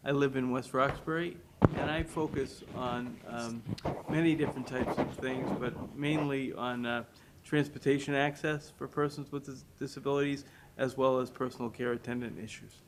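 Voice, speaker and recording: Flat-toned man on a noisy recording. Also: mid-range voice, moderate pace. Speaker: advisory board member introducing himself. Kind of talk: brief informal self-introduction. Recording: clearly noisy sound with clicks.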